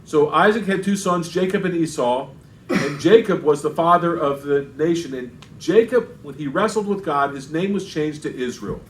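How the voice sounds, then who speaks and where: A man's voice: a little high, moderate pace, a little hiss or hum, low-quality recording. A man preaching an expository sermon as pastor, reading scripture aloud and then explaining it in plain asides with frequent restarts.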